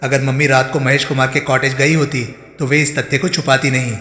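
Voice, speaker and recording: A man's voice: mid-range voice, level tone, fairly quick, pushed and bright, roomy sound, in a large hall, natural voice. A man voicing a defensive young woman under suspicion, giving guarded, protesting replies.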